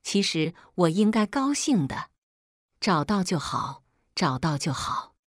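A woman narrating a first-person drama story in an emotional, expressive way. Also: lowish voice, slow, no room sound, studio quality. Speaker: audiobook narrator.

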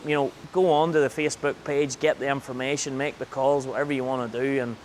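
A man's voice: medium pitch, fairly even intonation, quick pace, slight background noise. A man hosting a casual interview outdoors in a farm yard, chatty and jokey. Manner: chatty and jokey, with frequent laughs. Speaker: interviewer and show host.

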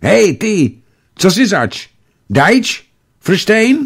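A man reading a story aloud and voicing a young village boy, suspicious and shrill. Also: big pitch swings, vocal fry, slightly rough, full character voice.

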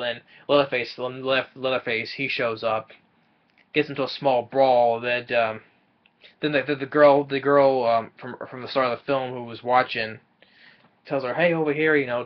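A man's voice: medium pitch, steady tone, moderate pace, highs cut off. A young man casually recapping a film's plot from a small room, often stumbling and repeating words as he goes. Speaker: movie reviewer.

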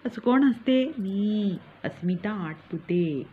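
A woman's voice: medium pitch, lively intonation, takes it slowly, background noise. A woman playing a smug, scheming village mother who brags and mocks in a comic sketch. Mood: boastful. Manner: smug, mocking, gleeful bragging. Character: boastful scheming village mother, con artist. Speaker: comic character monologue. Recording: tinny phone-like recording.

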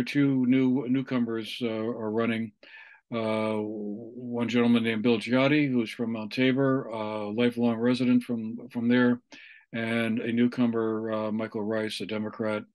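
A man in his sixties giving an unscripted election report over a video call, in halting, measured phrases. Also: mid-range voice, little pitch movement, rough recording. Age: 60s. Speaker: local election correspondent. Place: small room at home, indoors. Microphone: video call on computer microphone.

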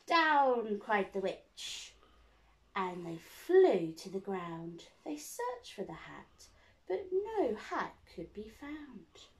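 A woman teacher reading a children's picture book aloud in an animated, dramatic storytelling manner. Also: medium pitch, takes it slowly. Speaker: primary school teacher. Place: indoors, living room by a window.

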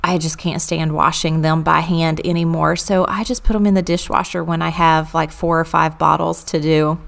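A woman's voice: deep voice, level tone, normal speed, creaky, a bit bright. A woman, chatting through a clean-with-me voice-over and telling stories from her childhood. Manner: chatty, storytelling, amused. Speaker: vlogger.

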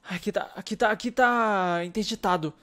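A man's voice: high voice, moderate pace, a bit bright. Jumpy Brazilian man gaming. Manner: jumpy, frequent anxious exclamations. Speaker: youtuber playing a roleplay game. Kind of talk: casual roleplay gameplay chat.

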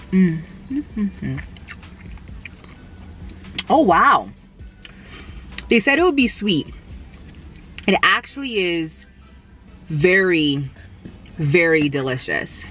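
A young woman from Canada reviewing fast food in a casual mukbang while she eats in a parked car, humming appreciatively between bites. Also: sits low, fairly bright tone. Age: young adult. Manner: chatty, eating between remarks, lots of appreciative hums. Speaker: food vlogger. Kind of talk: casual mukbang tasting chat. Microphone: camera on the dashboard.

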